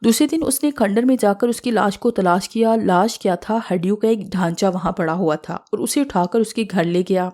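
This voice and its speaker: A woman storyteller reading a horror love story aloud in a steady, expressive way. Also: medium pitch, hardly any pauses. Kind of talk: audiobook horror narration.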